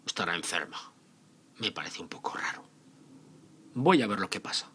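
Man as a lively, puzzled storybook hunter. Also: deep voice, moderate pace, whispered, heavily acted. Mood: suspicious. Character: suspicious, plain-spoken male hunter.

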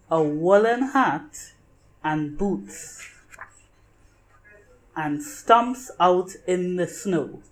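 A woman narrating a children's picture book in deliberate, simple phrases meant for young listeners. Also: lowish voice, low-quality recording. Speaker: storybook reader.

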